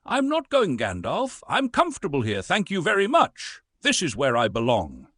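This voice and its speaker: A man doing a small fretful hobbit with a high, pleading voice that leaps up and down in pitch, cracking into shrill protests. The voice stays husky and dry throughout, a storybook reading with no room sound. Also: wildly swooping pitch, moderate pace, fairly bright tone, dry recording, heavily acted. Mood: refusing. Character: timid frightened male hobbit, small and fretful.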